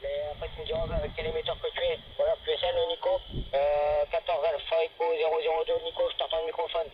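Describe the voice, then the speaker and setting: A man's voice: on the high side, flat delivery, fast. A man chatting casually over walkie-talkie radio as an amateur operator, using call signs and jargon. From northern France. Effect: heard over walkie-talkie radio. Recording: muffled, noisy two-way radio transmission.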